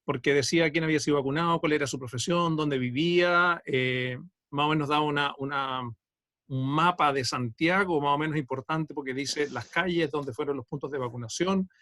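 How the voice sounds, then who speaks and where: Man, Chilean accent, somewhat high voice, methodical, fillers, dry sound. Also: brisk, bright, forceful tone, no room sound. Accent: Chilean Spanish. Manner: detailed, methodical account with frequent fillers. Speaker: audience member, genealogy researcher. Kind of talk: online Q&A comment.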